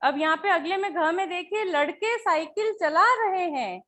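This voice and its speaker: A woman teacher with a very high voice walks through grammar answers one by one. She explains patiently and keeps checking that her pupils follow along. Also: expressive, normal speed, a bit bright. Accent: Hindi. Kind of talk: Hindi grammar lesson.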